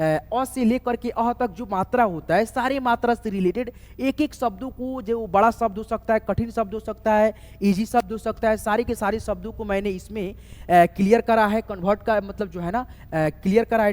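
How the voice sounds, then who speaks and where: A man teaching a spelling lesson, slowly spelling words letter by letter and often checking that viewers follow. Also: sits high, darkish tone. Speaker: online English tutor. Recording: echoey room with long reverb.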